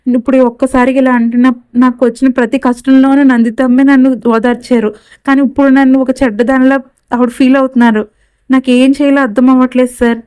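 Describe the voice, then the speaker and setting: A woman voicing a patient young woman who speaks softly and pleadingly. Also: high-pitched, little pitch movement, fast, clean tone, dry recording, close to an everyday voice. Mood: sad. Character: gentle, patient young woman caring for a child.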